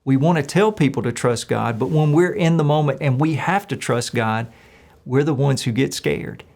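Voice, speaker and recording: A man's voice: mid-range voice, normal speed, vocal fry, a little mellow. A male pastor from the United States giving a short devotional sermon, speaking in an earnest, encouraging way.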